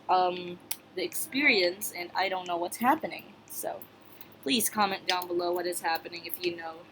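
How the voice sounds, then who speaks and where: A woman hosting her own gaming channel, rambling through casual gameplay commentary with many fillers and restarts while chatting straight to her viewers. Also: mid-range voice. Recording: clear background noise with clicks.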